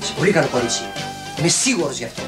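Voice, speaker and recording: A leering rich company boss. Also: male voice, on the high side, sing-song, music in the background. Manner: sly, teasing, flirtatious. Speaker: lecherous company director.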